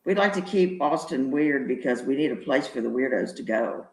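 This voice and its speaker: A woman co-host with a low voice, slow and dry in her wry remarks. Her voice swoops widely in pitch and sounds bright. The sound is roomy and echoey. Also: lively intonation. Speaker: show co-host. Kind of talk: casual talk show chat.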